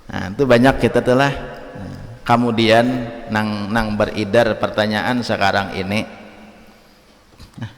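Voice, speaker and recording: A man's voice: lowish voice, slow pace, long pauses. Banjar-accented man teaching in an echoey hall. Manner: lively, chatty lecturing, acts out examples. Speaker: Islamic religious teacher. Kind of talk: conversational religious lesson. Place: Islamic study hall. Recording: reverberant hall.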